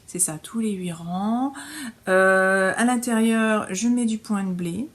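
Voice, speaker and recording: A middle-aged woman hosts a knitting podcast in a casual show-and-tell manner. She talks chattily, full of fillers and small restarts, at a medium pitch for a woman. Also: slow.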